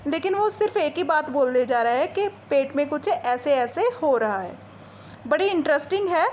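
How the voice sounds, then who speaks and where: A woman with a high voice teaches a school lesson, reading a short play aloud and then going back over it in relaxed, everyday words. A faint hiss sits behind her. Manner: reads a passage then retells it in casual Hindi-English mix.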